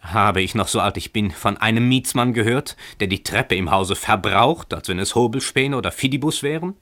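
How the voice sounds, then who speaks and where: A man reading a classic tale aloud, voicing an irate, blustering older landlord who shouts and scolds. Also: lowish voice, animated, moderate pace. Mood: indignant.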